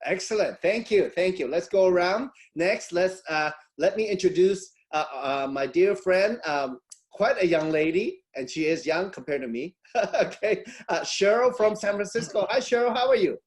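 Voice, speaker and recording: Hosting an online webinar via video call, a middle-aged Hong Kong man sounds high-pitched and animated at a moderate pace. He laughs a lot and rambles chattily with many fillers and restarts.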